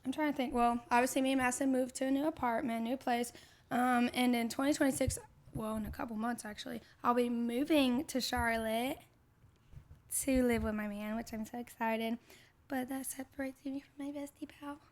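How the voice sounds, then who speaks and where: A woman in her twenties co-hosts a podcast, telling a story in chatty, casual fashion with lots of "like" fillers. Her voice is on the high side, steady in tone, at a moderate pace.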